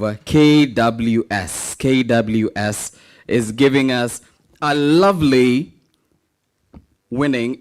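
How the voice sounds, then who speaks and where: A man emceeing a live raffle draw at an event, playful and teasing, calling numbers like an auctioneer. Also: on the high side.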